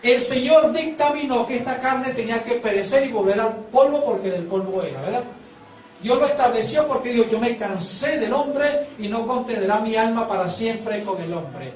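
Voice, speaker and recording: High-voiced male preacher in an echoey hall. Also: animated, moderate pace, a little mellow, far from the mic, a little hiss or hum. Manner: preaching with call-and-response prompts to the congregation. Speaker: pastor. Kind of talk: sermon.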